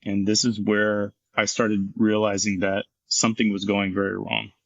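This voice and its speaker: A man's voice: on the low side, flat delivery, normal speed, gravelly, dry recording, highs cut off. A middle-aged man, a former firefighter and paramedic, telling his story frankly and intensely in an interview, swearing freely.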